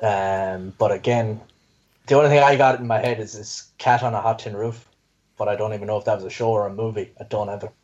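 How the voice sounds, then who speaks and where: A man's voice: on the low side, steady tone, brisk, a little mellow, dull audio. A man talking casually and thinking aloud as a quiz contestant.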